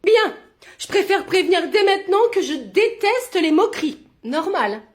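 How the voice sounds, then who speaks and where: Woman in a comedy skit, very high voice, stumbles over her words. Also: very animated, measured pace. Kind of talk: comedy sketch acting.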